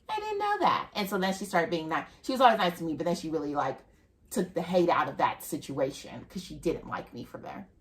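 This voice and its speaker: Chatty playful woman hosting a podcast. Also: on the low side. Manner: playful, chatty, laughs easily. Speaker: podcast host. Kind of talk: casual chat.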